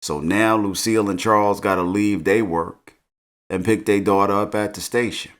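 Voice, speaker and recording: A middle-aged man with a fairly low voice recaps a TV show. He talks in a relaxed, slangy way and keeps chuckling through the story. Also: normal speed. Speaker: TV recap host.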